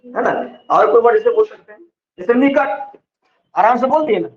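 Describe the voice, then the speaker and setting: A man's voice: high-pitched, lively intonation. A male teacher from lecturing on vowels in a classroom style, often checking whether students follow. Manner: explains slowly, stretching example words. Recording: dull lo-fi sound.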